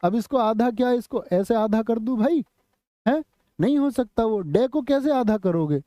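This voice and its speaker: A young man teaching a Hindi spelling lesson to exam students. He keeps firing quick questions and pushing them for answers. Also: very high voice, animated, mellow, no room sound. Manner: rapid, drilling questions to students. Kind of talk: online exam coaching lesson. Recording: slightly muffled lo-fi audio.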